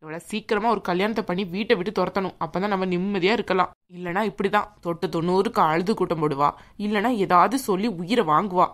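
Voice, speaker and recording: A woman voicing a proud, scheming young bride in a cartoon, sharp-tongued and snippy. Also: on the low side, quick pace, natural voice. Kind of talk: cartoon voice acting.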